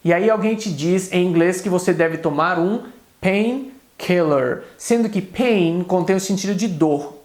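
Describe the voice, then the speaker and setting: A man with a Brazilian Portuguese accent teaching an English video lesson, explaining quickly and saying English examples slowly and carefully. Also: sits high, darkish tone, roomy sound.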